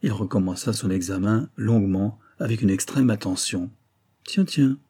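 Un homme qui lit à voix haute un roman policier en faisant les voix des personnages. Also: male voice, on the low side, mellow, husky. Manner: measured storytelling, voices the characters. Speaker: audiobook narrator. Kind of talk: reading a detective novel aloud.

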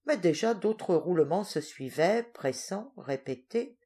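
A woman reads a novel aloud with a lower, grounded voice, lively and expressive in her storytelling. Her narration rises and leans into the drama of each scene. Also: unhurried, husky.

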